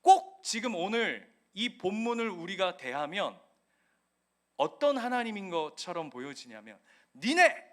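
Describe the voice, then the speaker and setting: A male pastor preaching a sermon in a church, animated and acting out scenes vividly. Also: high voice, unhurried.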